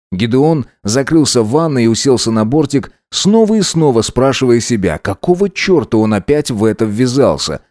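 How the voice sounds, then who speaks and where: A man reading the narration of an audiobook in a steady, expressive storytelling voice. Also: mid-range voice, dry recording, studio quality.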